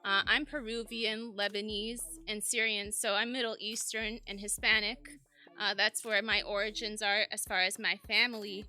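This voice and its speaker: Guest, woman, 20s. Very bright, upbeat, laughs easily. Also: medium pitch, flat delivery. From Chicago, USA. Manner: upbeat and giggly, quick with laughs. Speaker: guest, model. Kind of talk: casual interview chat.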